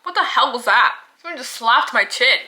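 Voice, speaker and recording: A woman's voice: on the high side, animated, moderate pace, bright, forceful tone, low-quality recording. A young woman reviewing snacks in a casual vlog, chatty and laughing often, filling her talk with "like".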